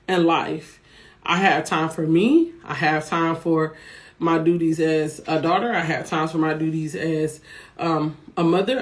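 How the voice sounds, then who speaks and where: A woman business coach talking casually from her office, chatty and encouraging, often checking in with her listeners. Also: fairly low pitch. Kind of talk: casual motivational talk to viewers.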